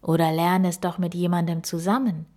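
A woman voicing a wise old female owl in a storybook reading, speaking calmly and gently. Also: on the low side, natural voice. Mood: gentle. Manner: calm, gentle and unhurried.

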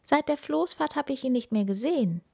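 A woman voicing an excitable cheerful storybook hero. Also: high voice, a little fast, creaky, voice pushed up, full character voice. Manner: bright, exclaiming, chatty.

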